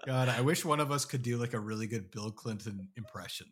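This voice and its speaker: Podcast guy just chatting, husky breathy voice, rambles a lot. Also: mid-range voice, brisk. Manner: rambling, lots of fillers and laughs. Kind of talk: casual chat.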